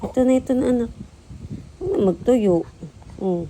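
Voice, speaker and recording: A woman's voice: a little high, moderate pace, warm tone. A mother talking baby talk to her infant in a coaxing, sing-song, cooing way. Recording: noisy home video.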